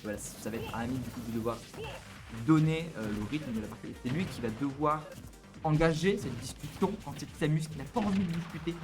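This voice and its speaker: A man calling a fighting-game tournament final live, with quick, excitable play-by-play and colourful asides. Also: a little high. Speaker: esports commentator. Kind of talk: live esports commentary. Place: esports venue. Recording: clear music underneath. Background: music behind the voice.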